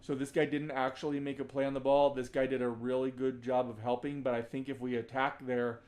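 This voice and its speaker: A man's voice: mid-range voice, little pitch movement, a little fast, background noise. Man coaching through game film. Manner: conversational, restarts sentences, shouts demo calls. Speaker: basketball coach. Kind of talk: film breakdown commentary.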